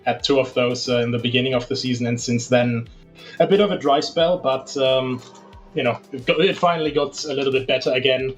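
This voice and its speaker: Brief: mid-pitched male driver, filler-heavy and jokey, on a lo-fi chat line. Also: fairly quick, faint music behind. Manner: hesitant, joking, many fillers. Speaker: racing driver. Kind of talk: post-race interview.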